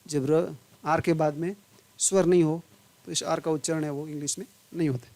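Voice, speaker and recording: A man's voice: on the high side, fairly even intonation, moderate pace, darkish tone, no room sound. A man teaching English pronunciation, spelling words letter by letter and drawing each sound out, then asking questions and answering them himself. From India.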